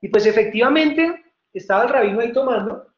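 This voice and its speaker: A male preacher tells a story to his congregation in an animated way, speaking straight to them. The audio is muffled and echoes through a large hall. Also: extremely high pitch, quick pace. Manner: animated storyteller, addresses audience directly. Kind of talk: storytelling sermon. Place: hall with microphones. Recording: roomy, dull hall audio.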